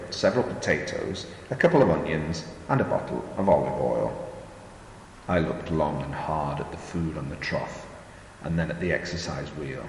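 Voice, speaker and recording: Deep male author-narrator with a measured audiobook read. The room is roomy, with long reverb and faint hiss. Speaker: author narrating his own novella. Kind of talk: first-person audiobook narration.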